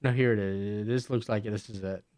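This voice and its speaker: A man's voice: on the low side, fairly even intonation, a little fast, darkish tone. A man streaming live, casually reacting and thinking aloud about what he watches.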